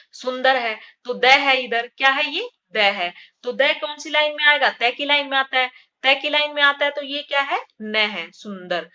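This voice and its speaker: Woman grammar teacher, bright and fairly high voice, quizzing herself as she explains, slightly dull lo-fi recording. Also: unhurried. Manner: asks questions and answers them herself, repeats key terms. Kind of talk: classroom-style lesson.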